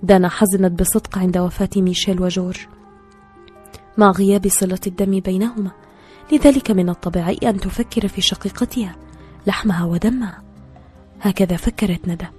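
A woman narrating a novel as an audiobook in a steady storytelling manner. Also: medium pitch.

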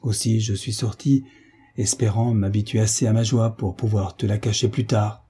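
Guy doing a cheery old navy vet uncle, deep husky voice, all exclamations. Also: steady tone, normal speed, warm tone. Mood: hearty. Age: older. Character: old sailor veteran, joyful, warm uncle.

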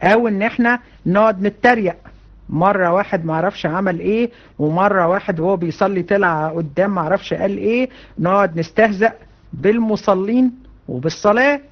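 A woman with an Egyptian Arabic accent giving a religion lesson to women, animated and colloquial, with many rhetorical questions. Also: mid-range voice, brisk, highs cut off. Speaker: religion teacher. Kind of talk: lecture to women students.

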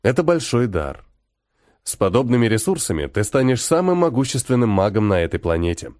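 A man voicing a mysterious young male stranger who speaks in a calm, knowing, unhurried way. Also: mid-range voice, dry recording, studio quality, natural voice.

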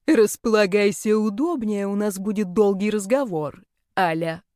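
A woman voicing an arrogant, domineering aging male rector of a magic academy in an audiobook, speaking slowly and haughtily. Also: medium pitch, darkish tone, no room sound, studio quality, lightly acted. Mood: haughty, menacing. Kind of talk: audiobook character voice.

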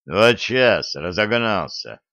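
A man's voice: on the low side, lively intonation, slow, sharp tone, no echo, muffled recording, exaggerated voice. A man voicing a brash, mocking special-forces commander in an audiobook reading. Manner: scornful, provoking.

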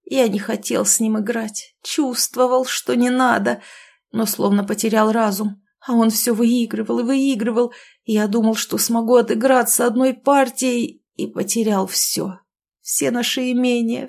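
A woman voicing a ruined older nobleman who speaks in slow, hushed, despairing tones. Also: on the high side, fairly even intonation, vocal fry. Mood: confessing.

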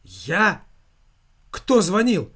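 An agitated young man in a storybook reading, as a male narrator puts him on, shouting and defensive. His voice rides higher and louder than the reader's own. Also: fairly even intonation, slow pace.

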